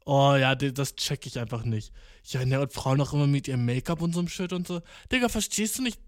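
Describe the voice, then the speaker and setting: Young man, slangy, ironic, rambling, slightly high voice, dry recording. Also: no room sound. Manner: slangy, ironic, rambling, mixes English words. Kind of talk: casual monologue to camera.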